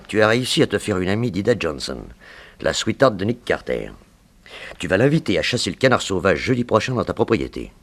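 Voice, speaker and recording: A man with a fairly low voice plays a vengeful, scheming gangster in a 1960s French radio crime drama. He speaks deliberately and with insinuation.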